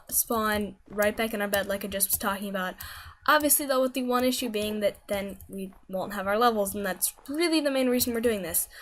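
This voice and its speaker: A woman hosting a gaming video gives chatty, rambling commentary while she plays, often correcting herself mid-sentence. Her voice is medium-pitched and a bit bright, with slight background noise.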